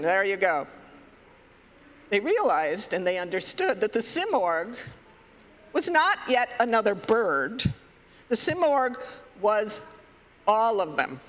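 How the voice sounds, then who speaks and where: A man leading a children's story time at a worship service, playful and halting, stopping to ask the children questions. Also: high-pitched, fairly bright tone. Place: church sanctuary. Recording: echoey hall.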